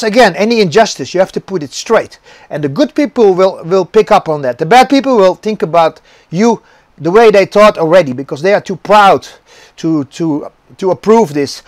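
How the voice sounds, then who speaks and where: A man's voice: sits high, no room sound. A middle-aged actor and stuntman giving an earnest motivational talk to viewers, often repeating words as he searches for them.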